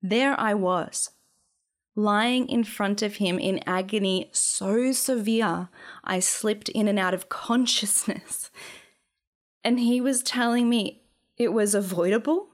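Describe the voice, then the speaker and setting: Young woman, memoir narration, unhurried delivery, dry wry humor. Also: medium pitch. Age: young adult. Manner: slow, dry, wry storytelling. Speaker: author reading her memoir.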